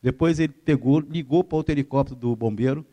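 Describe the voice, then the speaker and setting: A man's voice: medium pitch, fast talker, dark tone, dull audio. A middle-aged man, an air force colonel giving a flight-safety lecture, telling stories with acted-out dialogue and often adding "ok?" to his sentences. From Rio de Janeiro. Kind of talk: lecture with anecdotes. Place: university theater.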